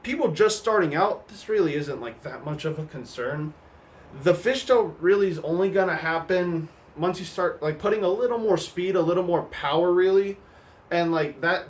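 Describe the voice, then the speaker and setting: A nasal-sounding young man, still getting over a cold, explaining a hammer throw technique in a loose, rambling vlog with lots of fillers. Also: a little high. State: recovering from a cold. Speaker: hammer throw coach on his channel. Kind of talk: casual instructional vlog. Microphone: new microphone.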